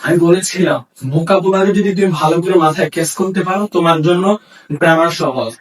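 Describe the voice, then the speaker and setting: A man's voice: a little high, brisk, far from the mic. A man teaching a language class, explaining step by step and answering his own questions. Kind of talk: classroom lesson.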